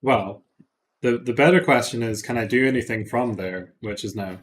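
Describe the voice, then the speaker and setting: A man's voice: medium pitch, normal speed, a little hiss or hum. A man giving casual gameplay commentary on a livestream, thinking aloud and joking with his chat. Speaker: streamer.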